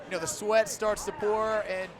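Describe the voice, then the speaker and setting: A man giving live colour commentary on a fight, analysing in a halting way with repeated pauses. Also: high voice, flat delivery. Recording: loud crowd and music behind.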